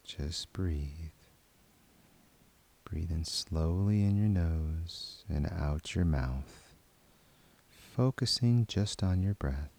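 A man guiding a prayer meditation in a soft, hushed voice that drifts into whispers, repeating calm phrases slowly. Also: low voice, gravelly. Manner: slow, calm, repetitive chant-like phrasing. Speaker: meditation guide.

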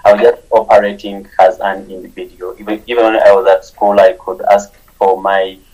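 A young man in his twenties talks as a guest on a podcast. His voice sits low, and his delivery is sincere and halting, with frequent repeated words as he finds his way. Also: flat delivery, a little mellow, highs cut off. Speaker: nonprofit founder, interview guest. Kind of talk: conversational interview.

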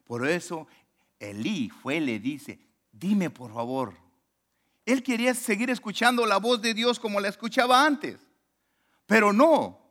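A man preaches a sermon in a fairly high voice with a very lively, swooping pitch. He rises to loud, emphatic lines and then drops to low murmured asides. He also acts out the quoted voices in his story. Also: a little slow. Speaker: pastor.

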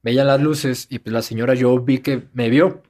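A man's voice: medium pitch, steady tone, moderate pace, a little mellow. A young man with a Mexican Spanish accent telling stories in a casual chat and animatedly mimicking other people.

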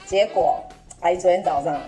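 A young woman with a Taiwanese Mandarin accent telling a story on a podcast, animated and laughing, acting out an old customer's lines in Taiwanese. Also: lowish voice, normal speed, faint music behind. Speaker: podcast host. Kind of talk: casual chat, storytelling.

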